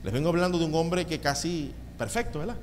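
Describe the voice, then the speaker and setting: A male pastor preaching a sermon with animated delivery and calls of amen, recorded in a church sanctuary. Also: fairly high pitch, brisk, slight background noise. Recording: reverberant hall with faint ambience.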